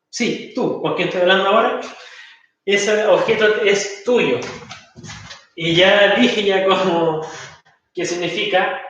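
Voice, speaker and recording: A man's voice: high-pitched, a bit bright. A man with a Chilean accent teaching an English class to students, explaining patiently and checking in often. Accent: Chilean Spanish. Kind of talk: recorded online class explanation. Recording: echoey room, far from mic, dull lo-fi.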